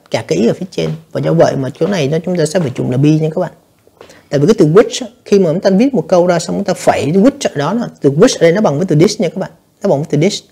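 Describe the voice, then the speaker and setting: A man's voice: a little high, vocal fry, warm tone, husky. A man teaching an exam review lesson, explaining answers step by step and often addressing his students directly. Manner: explanatory, addresses students repeatedly, frequent fillers. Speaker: English teacher.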